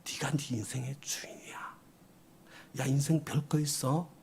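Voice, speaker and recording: A man voicing a sly male devil who tempts people, in a whispered role-play with a hushed, coaxing voice. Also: mid-range voice, steady tone, measured pace, vocal fry, breathy edge, full character voice.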